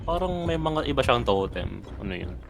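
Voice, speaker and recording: A man's voice: medium pitch, big pitch swings, normal speed, gravelly. A man chatting casually with friends while playing an online game, often musing aloud. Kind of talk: casual gaming chat.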